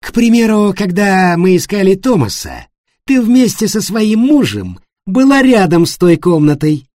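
A man voicing an angry, resentful male hotel worker who shouts scornfully. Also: sits high, big pitch swings, a little slow, no echo, studio quality, pitched above the performer's own voice. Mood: furious.

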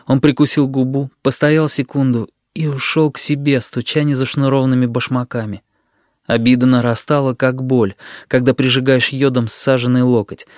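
Male audiobook narrator, gentle even storytelling, dry close recording. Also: medium pitch, moderate pace, dry recording.

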